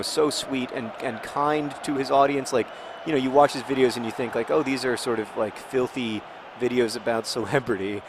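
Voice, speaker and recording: A man's voice: mid-range voice, background noise. Chatty man commentating a game. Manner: chatty, rambling, joking asides. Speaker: gaming video host. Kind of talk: casual gaming commentary.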